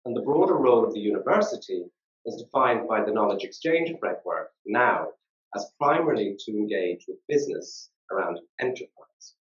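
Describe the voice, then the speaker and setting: A man giving a formal academic keynote lecture at a conference, in a measured way. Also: on the low side, big pitch swings. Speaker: keynote speaker. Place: conference hall. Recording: echoey, dull live-stream recording.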